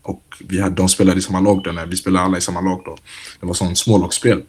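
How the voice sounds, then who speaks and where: Relaxed and husky-voiced, the young footballer guest drops street slang and constant "du vet" fillers, meaning "you know," throughout the interview. His deep voice rises when he acts out the yelling from a training session, then returns to a slow, low drawl.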